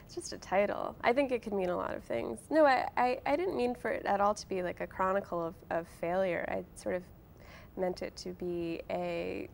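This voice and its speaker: A woman in her late twenties, an author and blogger, chats casually as an interview guest, wry, self-deprecating and talkative. Her mid-range voice moves at a moderate pace with a creaky quality, over a faint hiss or hum.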